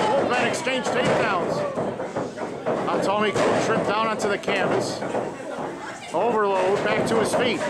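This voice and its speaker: A man calling lucha libre wrestling as play-by-play announcer, in dramatic, excited phrases. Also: high-pitched. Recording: loud crowd noise behind the voice. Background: noisy wrestling arena crowd.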